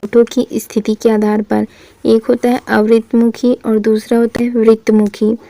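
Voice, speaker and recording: A woman teaching Hindi grammar in a classroom style, asking questions and answering them herself and sounding out vowels slowly for the listener. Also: fairly high pitch, level tone, vocal fry, mellow, no room sound. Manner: asks the class questions then answers them, says "thik hai" often.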